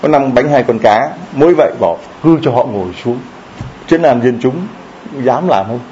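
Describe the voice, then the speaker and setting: A man preaching to his congregation, his pitch swinging up and down as he jokes and asks questions. The recording is dull and lo-fi, with a faint hiss behind his voice. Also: lively intonation, moderate pace, mellow. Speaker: priest. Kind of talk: sermon.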